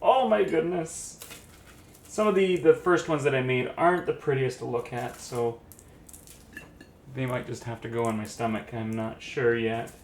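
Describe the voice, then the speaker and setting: A man's voice: mid-range voice, normal speed, darkish tone, a little hiss or hum. A man hosting a casual cooking demonstration, chatty and admiring, thinking aloud as he works in a kitchen. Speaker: cooking show host. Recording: echoey room with guitar music behind.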